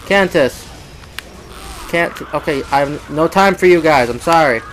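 A man giving casual let's-play commentary on a shooter game, excitable and self-mocking, talking to the game and repeating words in bursts. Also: fairly high pitch, a little slow, a little hiss or hum, poor audio. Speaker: gamer playing a shooter game.

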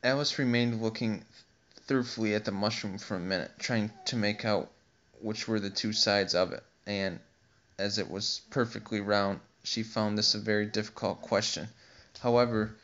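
A man narrating an audiobook in a steady, plain reading voice with occasional slips. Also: lowish voice. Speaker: audiobook reader. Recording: dull lo-fi recording.

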